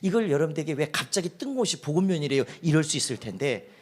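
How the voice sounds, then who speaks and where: A man preaching a Sunday sermon as pastor, moving between loud exhortation and soft, breathy near-whispers. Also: fairly high pitch, big pitch swings, very fast. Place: church sanctuary.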